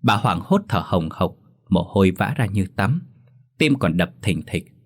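A man narrating a ghost story in a dramatic, steady storytelling manner. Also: low voice, measured pace.

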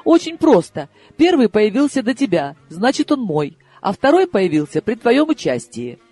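A man putting on an excitable young woman in her mid-twenties, pitched far above his own voice and pushed louder. She sounds shrill, wounded and combative, with a soft, breathy edge to the tone. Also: normal speed, no echo, soft background music, exaggerated voice. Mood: indignant. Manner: shrill, tearful, protesting.

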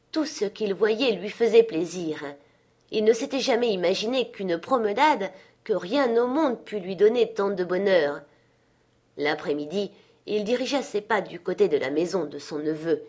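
A woman reading a classic novel aloud as an audiobook narrator, in an even storytelling manner. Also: lowish voice. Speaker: audiobook reader. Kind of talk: scripted narration.

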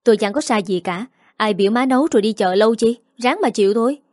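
A defiant young daughter-in-law, put on by a woman, snaps back in a raised, quick voice. Her replies are curt and rude. The recording is dry. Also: a little high, a little mellow, no echo, natural voice.

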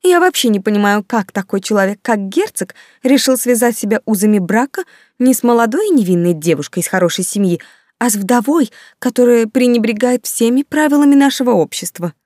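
A woman voicing an outraged gossiping baroness who talks with rising, indignant pitch in an audiobook. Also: very animated, moderate pace, few pauses, warm tone, dry recording, studio quality, lightly acted.

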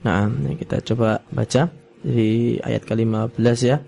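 A man's voice: mid-range voice, steady tone, moderate pace, creaky, mellow. A man teaching Quran recitation informally on the radio, with humble, tentative phrasing.

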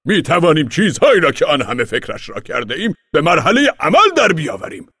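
A man voicing a fiery old exiled commander who declaims his words slowly and loudly in an audiobook. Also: fairly high pitch, big pitch swings, slightly rough, dry recording, clean studio sound, voice pushed up, heavily acted. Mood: fiery, rousing. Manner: declaiming, slow and loud.

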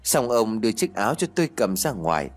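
A male storyteller reading a ghost story in a plain, steady way. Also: fairly low pitch, brisk. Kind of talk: scripted horror story narration.

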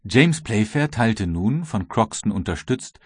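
A man narrating an audiobook in a measured storytelling manner, with a husky voice. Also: fairly low pitch, lively intonation, no echo, studio quality. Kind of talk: scripted narration.

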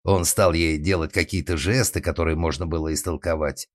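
A man narrating a comic story in a deadpan, ironic storytelling manner. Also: a bass voice, brisk, no echo, studio quality.

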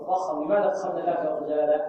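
A man teaching Quran recitation rules, who asks his class questions and then answers them himself and draws out words slowly to show how they are said. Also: a little high, steady tone, dark tone, highs cut off, a little hiss or hum. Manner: demonstrates pronunciation slowly and drawn out. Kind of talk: tajweed lesson. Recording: very echoey room, voice far from the mic.

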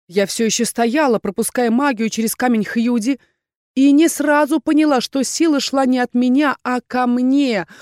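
A woman narrating a first-person fantasy audiobook in a measured, tense read. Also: fairly high pitch, a little mellow, no echo, clean studio sound. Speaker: audiobook reader.

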